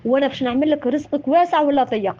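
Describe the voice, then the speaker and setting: Fast, high-voiced Tunisian woman preaching. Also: warm tone, lo-fi sound. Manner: impassioned and scolding, repeats words. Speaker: religious speaker. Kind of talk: informal religious talk.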